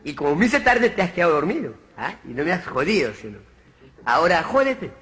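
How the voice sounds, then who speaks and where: A man's voice: on the high side, sing-song, a little fast, fairly bright tone. A man voicing a grown man who gloats and taunts in revenge. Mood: gloating. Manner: mocking and taunting.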